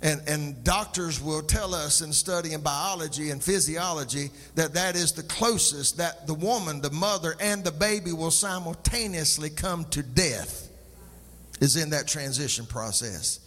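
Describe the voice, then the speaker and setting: A man's voice: fairly high pitch, measured pace, fairly bright tone, long reverb tail, faint music behind. A male pastor preaching a sermon, calling out to the congregation for response and sliding into a sung, rhythmic cadence. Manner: call-and-response, sing-song preaching cadence.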